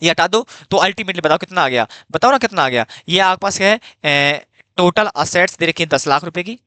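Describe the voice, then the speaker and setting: Guy lecturing for exams, high bright voice, dry close mic, keeps going "bolo na". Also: expressive, dry recording. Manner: drills students with rhetorical questions; repeats phrases, fast-paced. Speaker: accounting teacher. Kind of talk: exam-prep lecture.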